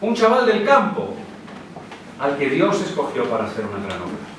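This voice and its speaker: A man with a Spanish accent preaches to his congregation, his voice sitting high and swinging widely as he retells the story. The church hall rings with a heavy echo, and he sounds a fair way off from the microphone. Faint room noise hangs underneath. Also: moderate pace. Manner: lively, conversational storytelling with acted quotes. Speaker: pastor. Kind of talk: sermon. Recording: very echoey hall, preacher far from mic.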